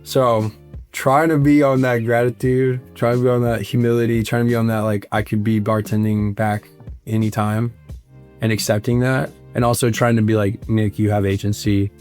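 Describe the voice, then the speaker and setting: A man with an even, mid-range voice talks candidly in an interview, rambling, looping back with "like" and "right?". Now and then he jumps into high, excited voices to mimic fans. Faint music sits under him in the studio. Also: normal speed, clear, resonant tone. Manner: rambling, animated, full of "like" and "right?". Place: recording studio.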